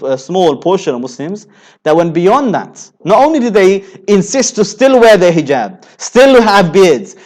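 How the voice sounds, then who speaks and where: A man preaching in a religious lecture with a notably high-pitched voice for a man. He argues rhetorically, circling back on phrases and leaning on "you know" between points. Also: darkish tone. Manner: rhetorical, repeats himself with many "you know" fillers. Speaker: Islamic preacher.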